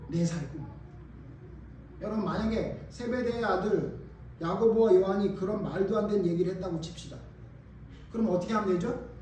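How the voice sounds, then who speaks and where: A male pastor preaching a sermon, questioning the congregation and acting out lines of dialogue in an animated way. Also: sits high. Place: church sanctuary. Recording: distant mic in a reverberant church hall with faint noise.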